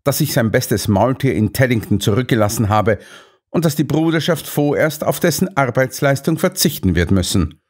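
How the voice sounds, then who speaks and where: A man's voice: medium pitch, animated, normal speed, lightly acted. A man voicing an earnest, indignant doctor companion in an audiobook. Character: earnest, put-upon male doctor companion.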